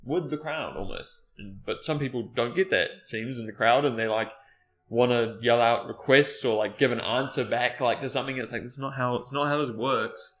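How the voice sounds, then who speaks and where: A man talking casually. He rambles through a story and leans on filler words, and his voice sits at an ordinary middle pitch. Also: moderate pace. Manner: rambling storyteller, many "like" fillers, acts out quotes loudly. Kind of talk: casual chat.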